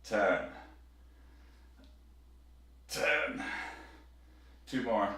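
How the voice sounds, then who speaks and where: A man's voice: lowish voice, lively intonation, very slow, pushed and bright. A man in a big echoey room, talking casually through a workout and coaching himself as he counts his reps on a clip-on mic. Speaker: fitness streamer. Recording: echoey room, heard from a distance.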